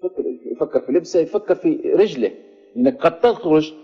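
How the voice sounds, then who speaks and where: Male Libyan preacher, conversational lesson delivery, rapid-fire with a raspy edge. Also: a little high, expressive, soft background music. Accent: Libyan Arabic. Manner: conversational preaching with rhetorical questions. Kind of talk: religious lesson. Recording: dull lo-fi recording.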